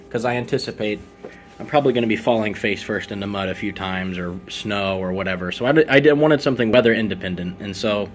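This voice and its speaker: Casual low-voiced man presenting gear. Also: slight background noise. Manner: informal, conversational explaining. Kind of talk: casual product walkthrough.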